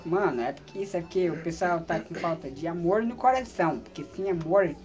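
A man's voice: on the high side, brisk, a little mellow. Young man, playful teasing chat, faint music behind. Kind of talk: casual chat among friends.

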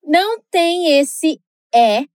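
A woman with a Brazilian Portuguese accent and a high voice leads a scripted English pronunciation lesson. She keeps a chatty tone with frequent tag questions, then slows right down to model each word with care. The sound is dry and close. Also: lively intonation, a little mellow, dry recording.

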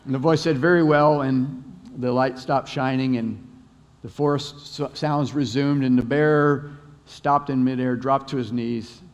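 A man's voice: mid-range voice, steady tone, measured pace. Conversational male pastor in echoing hall. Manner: conversational, repeats words, storytelling. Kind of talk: sermon. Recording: long hall reverb.

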